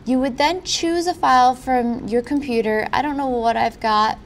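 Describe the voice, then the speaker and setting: A woman presenting a software tutorial in an informal, instructional way. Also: high voice, moderate pace, slight background noise. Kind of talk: software walkthrough narration.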